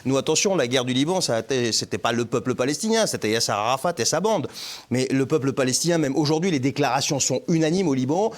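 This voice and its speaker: A man's voice: mid-range voice, animated, fast. A man from Lebanon, a panelist on a studio talk show, talking bluntly and emphatically in a colloquial way.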